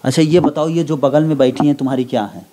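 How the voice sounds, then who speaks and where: A man's voice: a little high, steady tone, fast talker, noisy background. A male local news reporter interviewing a family and explaining their story straight to viewers. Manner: plain explanatory, addresses viewers directly.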